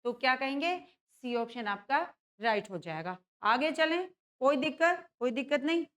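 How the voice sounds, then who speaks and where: High-voiced woman teaching a grammar class. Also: expressive, moderate pace, fairly bright tone. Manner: checks in with students often, asks and answers own questions. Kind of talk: exam-prep grammar lesson.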